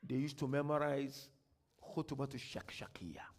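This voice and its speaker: A man from Ghana with a Ghanaian accent, giving a religious workshop lecture. He declaims emphatically, reads quotations slowly and grandly, and drops into quiet asides. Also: medium pitch. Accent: Ghanaian English.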